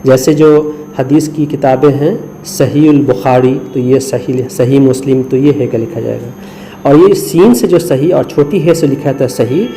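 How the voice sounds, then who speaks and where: There's a little hiss or hum on this low-quality clip, where a dark, mid-range male voice teaches Urdu script. The teacher, from India, patiently sounds out letters syllable by syllable and blends English into his explanations during a screen lesson.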